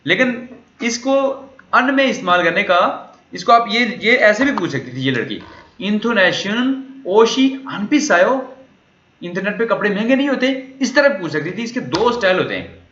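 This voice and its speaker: A man lectures with a high, bright voice, walking through a dialogue line by line. He keeps posing questions and answering them himself. The recording is roomy and somewhat muffled. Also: big pitch swings, moderate pace. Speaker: language teacher. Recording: echoey room, dull lo-fi sound.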